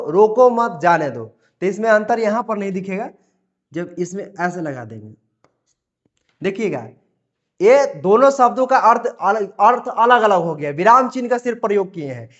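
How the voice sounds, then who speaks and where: Male teacher, high voice, patient repetitive explaining, muffled lo-fi recording. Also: animated, fairly bright tone. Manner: repeats phrases, reads examples slowly word by word. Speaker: Hindi grammar teacher. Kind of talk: classroom lesson explanation.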